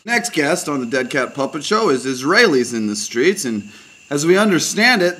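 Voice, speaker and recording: A man's voice: fairly high pitch, pushed and bright. Mock-formal man hosting a puppet news spoof. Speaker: puppet show host.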